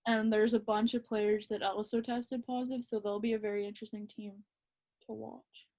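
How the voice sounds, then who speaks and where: A woman co-hosting a casual hockey chat, relaxed and hesitant with lots of ums. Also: medium pitch, normal speed. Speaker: podcast co-host.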